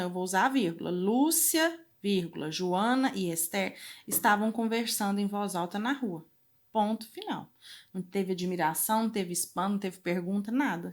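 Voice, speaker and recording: Animated woman teaching grammar. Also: medium pitch. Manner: slow, emphatic dictation of punctuation marks. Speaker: Portuguese teacher. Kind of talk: explaining grammar in a video lesson.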